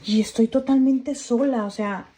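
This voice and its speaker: A woman's voice: a little high, fairly even intonation, a little slow. Nervous woman filming on a phone at home. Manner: nervous, talking to viewers and calling out into the dark. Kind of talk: casual self-recorded phone video. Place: dark bedroom at home, indoors. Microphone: phone held in hand. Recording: echoey room with faint hiss.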